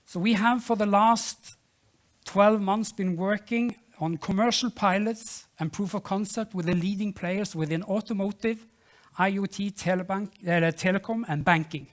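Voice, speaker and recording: Delivering a business pitch and responding to questions, a startup founder hesitates, repeating phrases and starting them again.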